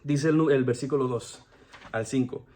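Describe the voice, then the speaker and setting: This young American devotional speaker delivers his sermon with sincerity, though he keeps stopping to restart what he's saying. He has a mid-range voice that's a little mellow.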